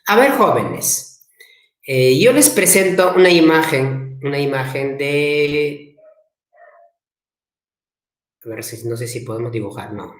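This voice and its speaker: A man teaching an online language class, repeating his questions slowly and coaxing students to answer in the chat. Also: mid-range voice, animated. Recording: echoey room.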